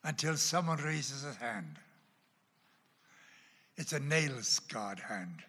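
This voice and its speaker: Speaking slowly in a husky voice with lively, sweeping pitch, a pastor from Wales teaches a class in sermon-style Bible study. His Welsh accent has Texan and Oklahoma traces, and a long church hall gives his voice a reverberant sound. He's dramatic, shifting widely between loud emphasis and hushed asides.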